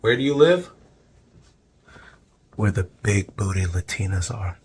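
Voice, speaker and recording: Low-voiced man, crude joker, lively swinging pitch, casual podcast banter. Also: measured pace. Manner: crude joker, loud laughs. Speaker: podcast co-host. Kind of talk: casual podcast reaction chat.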